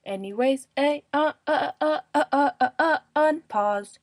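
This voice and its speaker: Goofy girl making up raps on camera, high squeaky voice, takes her time, kinda dry sounding. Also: a little slow, no room sound. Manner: playful, repetitive chanting, swings between low mumbles and high squeals. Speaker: vlogger. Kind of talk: improvised silly rapping and beatboxing to camera.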